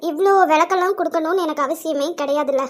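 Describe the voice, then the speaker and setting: A woman's voice: high-pitched, fast talker, close to an everyday voice. A woman voicing a bossy old Kanyakumari grandmother. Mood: scolding. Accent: Kanyakumari Tamil. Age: older. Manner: blunt, scolding, sets the rules. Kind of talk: cartoon voice acting.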